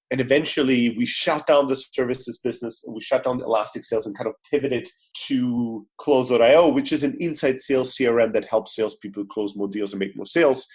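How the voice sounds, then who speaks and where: A Greek startup CEO appears as a guest on a podcast interview over a remote call. His voice is husky and medium-pitched, and he tells his story energetically, using lots of fillers.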